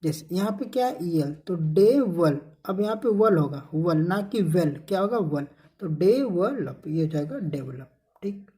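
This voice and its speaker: A woman's voice: on the low side, animated, warm tone. A woman with a Hindi accent teaching an English phonics lesson, asking questions and answering them herself as she drills each word. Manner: repeats questions and answers, drills words slowly.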